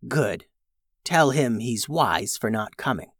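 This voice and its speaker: A grumpy female crystal dragon, grumbling low and quiet, irritated by visitors and eyeing the horses as snacks, as a storyteller puts her on. The voice sits close and dry, with no room around it. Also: animated, slow pace, no echo.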